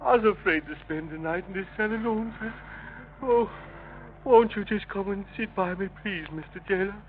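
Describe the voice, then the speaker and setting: Wily, scared murder suspect male actor: high, pleading, folksy, theatrical radio-drama delivery on a thin, muffled vintage recording. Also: moderate pace, a little hiss or hum, close to an everyday voice. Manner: theatrical, folksy dialect speech, repetitive pleading. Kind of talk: 1930s-1940s radio crime drama acting.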